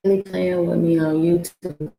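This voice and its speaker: A woman hosting a casual livestream, talking slowly and haltingly with many fillers and restarts. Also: fairly low pitch, little pitch movement, creaky, mellow. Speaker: livestream host. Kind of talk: casual livestream talk about history. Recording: echoey room with faint guitar music.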